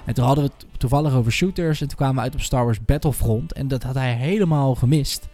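A man's voice: medium pitch, quick pace, mellow, soft background music. A man chatting informally as a podcast host about games, using slang and mixing in English loanwords. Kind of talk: casual gaming chat.

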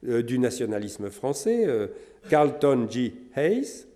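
A middle-aged man from France giving a measured academic lecture, pausing often with fillers. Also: mid-range voice, big pitch swings, dark tone. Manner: measured, many hesitations with euh and hein. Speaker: historian lecturer.

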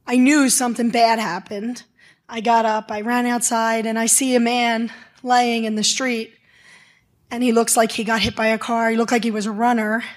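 A woman emergency physician telling a story in a lively way, acting out the lines she shouted. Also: a little high. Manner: vivid, acts out quoted shouts. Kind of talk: animated live storytelling.

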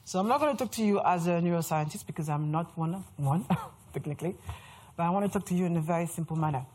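Speaking quickly in a lowish, slightly mellow voice, this French woman in her thirties addresses a live audience in an event room. She comes from France, has a French accent, and keeps her lively presentation chatty and self-deprecating, with a little hiss or hum on the recording.

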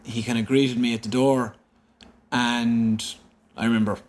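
An Irish man appearing as an interview guest recounts a personal story in conversation, speaking a little slowly in a mid-range voice. He's animated, acting out and quoting what people said as he tells it.

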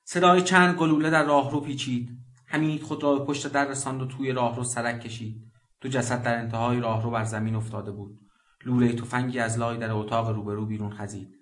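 A man reading a literary story as a radio narrator, measured and deliberate. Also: medium pitch, fairly even intonation, fairly bright tone. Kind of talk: scripted narration.

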